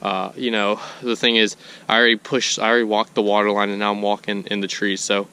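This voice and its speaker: A man's voice: lowish voice, little pitch movement, fast talker, bright, forceful tone, clean tone. A young man, out of breath, telling a rambling vlog story to camera while walking outdoors through woods. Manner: rambling, self-correcting storytelling. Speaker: hunting vlogger. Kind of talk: casual vlog narration to camera.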